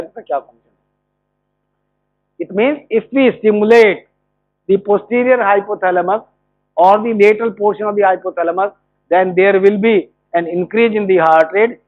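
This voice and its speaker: Man, measured classroom explainer with a high voice; dry, tinny phone-quality audio. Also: no room sound. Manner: explanatory, poses rhetorical questions and answers them. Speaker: medical college lecturer. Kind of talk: classroom lecture.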